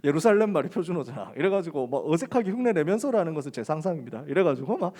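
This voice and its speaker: Animated, high-pitched Korean man preaching. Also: racing. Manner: casual, animated storytelling with acted-out quotes. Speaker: pastor. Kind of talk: youth sermon.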